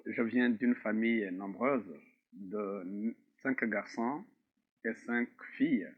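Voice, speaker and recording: Man, middle-aged, from Rwanda, interview guest, measured, grave testimony, tinny phone-like audio. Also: lowish voice. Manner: measured and grave, with frequent pauses. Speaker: interview guest, author and survivor. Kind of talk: slow, reflective personal testimony.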